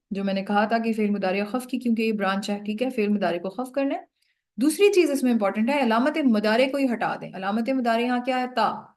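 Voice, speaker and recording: A woman teaches a grammar lesson in a slightly high voice. She explains each step patiently and keeps checking that her students follow. She slows down to read prayers and translate them word by word. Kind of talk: classroom lecture.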